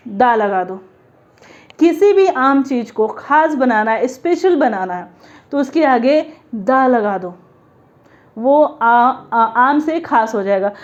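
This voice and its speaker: A woman teaching an English grammar lesson to learners, explaining step by step and sounding out letters slowly. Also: high-pitched, a little mellow, highs cut off.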